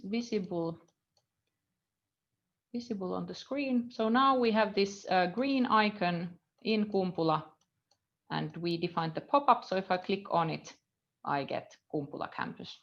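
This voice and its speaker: A university lecturer in her thirties with a Finnish accent leads a live coding lesson at a computer indoors. Her voice is fairly low and gravelly, the audio dull, and she talks through her thinking with frequent fillers, letting sentences fade as she reads code.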